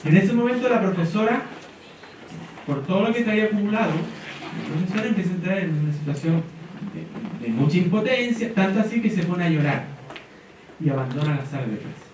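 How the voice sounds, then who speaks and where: A middle-aged man speaks to an audience, an animated storyteller who voices the people in his story. His voice sits a little high and reaches the mic from far off. The sound rings in a large echoey hall with faint background noise. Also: fairly quick. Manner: animated storyteller, acts out quotes. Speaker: speaker at an education panel.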